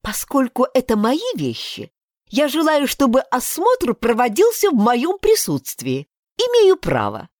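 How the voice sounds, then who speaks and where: A woman voicing a proud, sharp-tongued young woman judge who speaks haughtily and indignantly. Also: sits high, wildly swooping pitch, measured pace, no room sound, studio quality, voice pushed up, full character voice.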